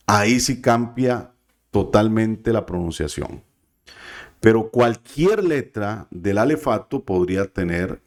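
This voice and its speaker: A man teaching a language class, speaking very slowly and patiently. His voice sits a little low, and he often pauses to check that his students follow. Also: darkish tone. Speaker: biblical Hebrew teacher. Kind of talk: classroom lesson.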